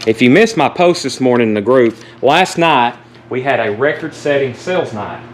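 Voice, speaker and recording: A man's voice: medium pitch, lively intonation, normal speed. A man hosting a casual live online auction, calling bids and prices like an auctioneer and reading out lists. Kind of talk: casual live sales talk with list reading. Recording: noticeable background noise, live stream.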